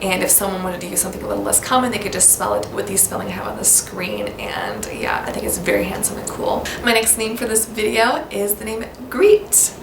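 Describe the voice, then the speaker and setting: Brisk and animated, she barely pauses, her medium-pitched American voice creaky as she gushes to camera about baby names and spells some out. The recording has room echo and background noise.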